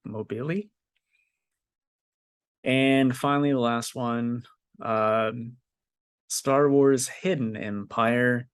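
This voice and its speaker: A man's voice: lowish voice, a bit bright, clean tone, no room sound. A man hosting a casual podcast, running through a news list in a matter-of-fact way. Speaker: podcast host. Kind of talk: casual chat, reading news listings.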